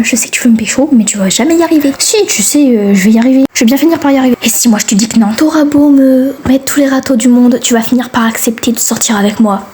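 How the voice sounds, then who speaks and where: A woman's voice: high voice, a little mellow, breathy edge. A young woman doing a comedic amateur fan dub, voicing several characters in a brash, slangy manner.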